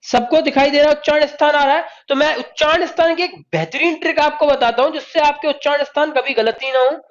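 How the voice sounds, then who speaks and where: Repetitive Hindi tutor, dull lo-fi audio. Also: male voice, very high voice, fairly quick. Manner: repeats each point and quizzes the class with rhetorical questions; praises students by name, calls them "sahab" and "beta". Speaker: Hindi teacher. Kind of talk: live online exam-prep class.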